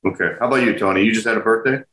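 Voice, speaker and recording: A podcast host in his fifties speaks conversationally as he introduces guests and asks them questions. His fairly low voice races along, sounding pushed and bright, and the room is echoey.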